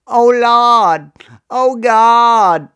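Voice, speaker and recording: A man voicing a friendly, skinny 60-year-old deckhand from the Caribbean, speaking in a high-pitched voice with a strong Caribbean accent and excitable exclamations. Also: very slow, clear, resonant tone, exaggerated voice. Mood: exclaiming.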